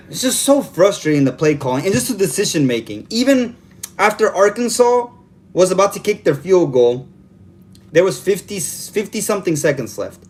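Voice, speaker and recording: Frustrated after the game, a man hosting a live stream unloads into his vertically held phone camera, asking rhetorical question after rhetorical question. He is a fan host whose high voice is sing-song, a little mellow, and moderately paced.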